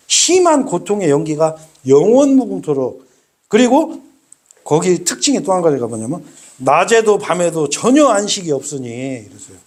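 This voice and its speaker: A middle-aged man preaching a sermon as a pastor, talking in an animated way and acting out voices. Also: a little high. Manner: animated, acts out quoted voices.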